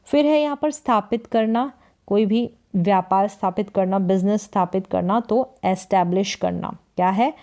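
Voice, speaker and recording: A woman teaching a vocabulary lesson, slowly repeating each word and its meaning. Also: mid-range voice, mellow. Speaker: English teacher.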